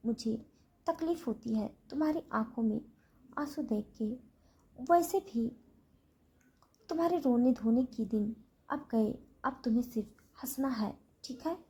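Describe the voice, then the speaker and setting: A tender, protective young man speaks softly and reassuringly, as a woman narrator puts him on. The voice is very husky and breathy, mellow in tone and sits fairly high. It keeps a calm, coaxing manner throughout the storybook scene. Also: a little slow, pauses often, full character voice.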